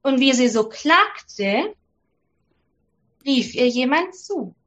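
Woman storyteller for kids: high, slow, gentle, on a dull lo-fi recording. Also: sing-song. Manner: slow, gentle and clearly spoken for children. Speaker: storyteller for children. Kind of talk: reading a fairy tale aloud.

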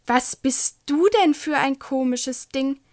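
A woman's voice: high voice, steady tone, slow pace, a little mellow. Woman reading as small hissing dragon boy.

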